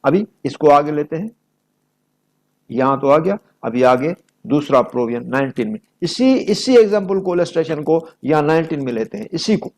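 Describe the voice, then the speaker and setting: Here the Pakistani-accented law lecturer's voice is fairly high, expressive, and darkish, at a moderate pace. He explains didactically and emphatically, reading examples aloud, alternating between English and Urdu, and repeating important phrases.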